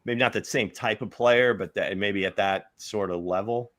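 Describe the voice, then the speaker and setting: A man's voice: fairly low pitch, moderate pace, fairly bright tone. A man co-hosting a casual sports talk show, analyzing draft prospects in a rambling, thinking-aloud way. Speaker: football analyst co-host.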